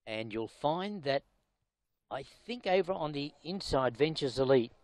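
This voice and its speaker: A man calling a horse race replay, brisk and informal, lifting his voice on the horses' names. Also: fairly high pitch, animated. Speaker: race caller. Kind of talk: horse racing commentary.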